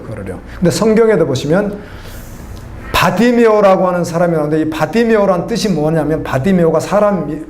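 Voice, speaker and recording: A man's voice: high-pitched, a little mellow, echoey room. A middle-aged man preaching a sermon as a pastor, talking conversationally and putting questions to the congregation. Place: church.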